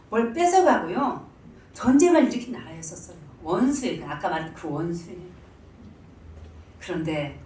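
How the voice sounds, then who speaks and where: A woman pastor preaching, asking the congregation questions and answering them herself, at times rising to emphatic, near-shouting stress. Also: mid-range voice. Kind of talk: interactive sermon with congregation call-and-response. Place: church sanctuary. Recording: echoey church sound from a distance, faint room noise.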